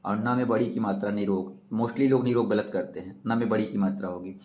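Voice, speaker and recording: A man's voice: fairly low pitch, fairly even intonation, brisk, darkish tone. A man teaching an exam-prep lesson, asking questions and repeating the answers himself.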